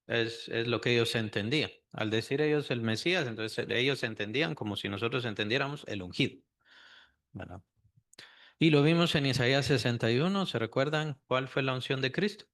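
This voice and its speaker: A man's voice: mid-range voice, brisk, a bit bright. Guy teaching sunday school, keeps asking the class stuff and repeating himself. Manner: asks the class questions, repeats key phrases. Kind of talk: Bible study lesson.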